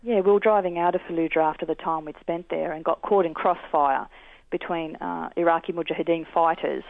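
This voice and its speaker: An Australian man, a guest in an interview, telling his experiences in an earnest, measured way. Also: fairly high pitch, fairly even intonation, gravelly, dry recording. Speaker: guest, peace activist. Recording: tinny dry phone line.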